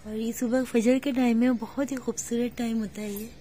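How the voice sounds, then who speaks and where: A woman with a hoarse voice, chatting casually in a home vlog and talking to her children. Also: a little high, steady tone, moderate pace, a little hiss or hum. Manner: talks softly, near a whisper, while the baby sleeps. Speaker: vlogger.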